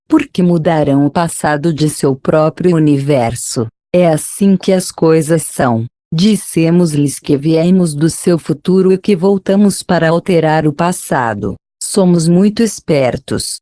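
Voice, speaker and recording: A narrator reading a script in a soothing, measured, instructional way, like a guided meditation at a spa. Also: mid-range voice, dark tone, no room sound, clean studio sound.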